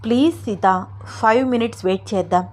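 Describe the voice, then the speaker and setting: A woman's voice: on the high side, quick pace, a little mellow, close to an everyday voice. Lady doing a puzzled young guy, earnest and pleading, story read aloud. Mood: confused. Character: young man, confused and earnest.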